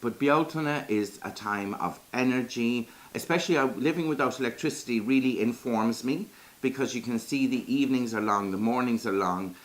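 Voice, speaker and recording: A man's voice: mid-range voice, moderate pace. A man with a Kerry Irish accent telling folklore in a lilting, conversational storyteller's way. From Ireland, Iveragh in County Kerry.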